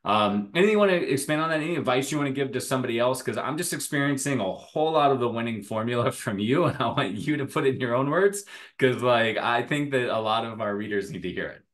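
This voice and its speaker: A man's voice: mid-range voice, animated, fast talker, fairly bright tone. Chatty, upbeat male interview host. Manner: enthusiastic, chatty, laughs often. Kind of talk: conversational interview.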